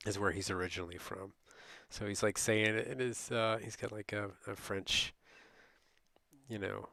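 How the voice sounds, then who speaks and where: A man's voice: lowish voice, fairly even intonation, normal speed, gravelly, sharp tone, no echo. A middle-aged man telling a rambling, casual late-night story as a streamer, often laughing and quoting people.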